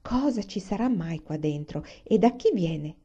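A woman's voice: on the low side, animated, unhurried, dark tone, husky, lo-fi sound, full character voice. A woman voicing a cheerful, joking pioneer father in a storybook reading, speaking in a hearty, jovial way.

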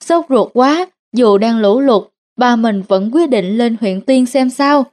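A woman reads a storybook tale narrated in the first person. Her voice sits a little high, and she reads slowly in a steady, plain tone.

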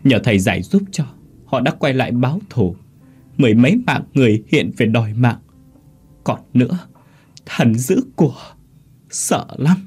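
A man's voice: medium pitch, sing-song, normal speed, long pauses, darkish tone, husky, soft background music. A man voicing the weeping ghost of a murdered young mother, sobbing and pleading through a possessed girl.

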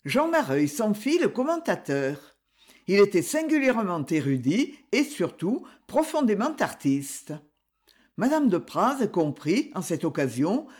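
A woman narrating an audiobook with measured, expressive storytelling. She reads slowly, and her pitch rises and falls in a lively way. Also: slightly rough.

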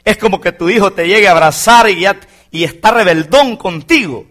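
A man's voice: sits high, fairly quick, a bit bright. A male pastor preaching a fervent sermon to his congregation, often calling his listeners brother. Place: church congregation.

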